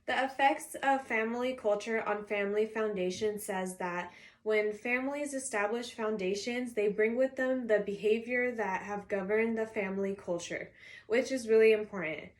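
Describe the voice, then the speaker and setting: Reading a structured, signposted self-introduction written for her college class, this woman speaks at a medium pitch and moderate pace. She is 21, grew up in California, and Arabic is her first language.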